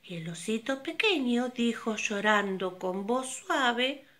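An older woman reads a children's story slowly and with great expression, her pitch leaping around as she narrates.

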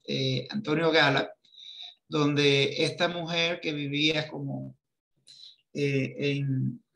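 A man in his fifties moderating a film forum on a video call, speaking slowly and hesitantly as he searches for words. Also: fairly high pitch, gravelly, a bit bright. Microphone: video call webcam.

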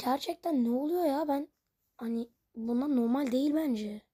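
A woman's voice: high voice, moderate pace, mellow, slightly rough. A woman commenting on her own game as she plays, puzzled and rambling, and she keeps talking to her viewers. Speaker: gaming channel host. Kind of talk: Minecraft let's play commentary.

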